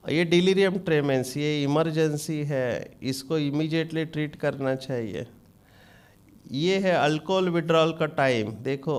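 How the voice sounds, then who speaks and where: A man's voice: high-pitched, a bit bright. A man who is a doctor giving an informal training lecture, often quizzing his audience with questions.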